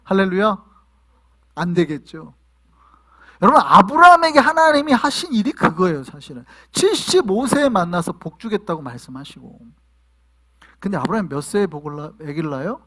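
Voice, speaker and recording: A male pastor preaching a sermon to his congregation, asking them questions and sometimes shouting. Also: high-pitched, very animated, a little fast. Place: church in New York.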